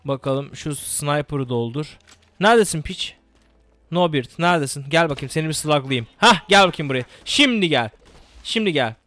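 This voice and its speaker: A young man giving casual, excitable gameplay commentary, swearing and repeating words rapidly. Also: a little high.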